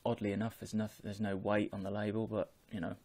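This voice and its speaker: A man, talking in a measured, explanatory way as a vlogger chatting casually on an earphone microphone at home. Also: fairly low pitch, little pitch movement, darkish tone. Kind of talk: casual chat to camera. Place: small home room with bookshelves.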